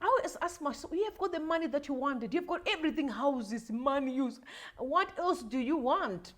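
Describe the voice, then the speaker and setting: Woman, 40s, from Zimbabwe, livestream host; high, lively voice, emotional and preachy. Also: moderate pace. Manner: emotional, repetitive, preachy, addresses viewers directly. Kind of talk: impassioned political commentary.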